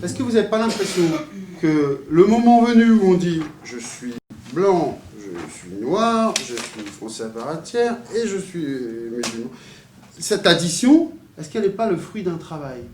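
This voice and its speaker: A man's voice: on the high side, big pitch swings, moderate pace, darkish tone, soft background music. A man leading a group discussion, pressing the others with probing questions. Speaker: discussion moderator. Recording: echoey room with faint noise.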